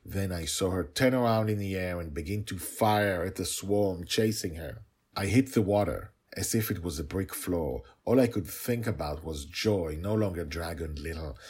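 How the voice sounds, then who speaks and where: A man voicing a formidable, devoted dragon who solemnly narrates his own dramatic tale in an audio story, with a husky voice. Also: sits low, normal speed, darkish tone. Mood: tense.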